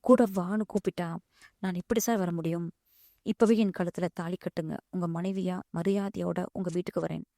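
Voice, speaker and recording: A woman's voice: lowish voice, fairly even intonation, moderate pace, gravelly, dark tone, no room sound, clean studio sound. A woman voicing a proud young woman who answers firmly and respectfully. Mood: hurt. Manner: firm and respectful, calls him "sir". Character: proud young working woman, firm and hurt.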